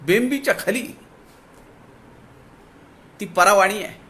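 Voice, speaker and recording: A man with a Marathi accent giving a devotional discourse, drawing out quoted verses slowly. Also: high voice, expressive, pushed and bright, slight background noise. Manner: slows to draw out quoted verses. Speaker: spiritual discourse speaker. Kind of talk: devotional discourse explaining scripture.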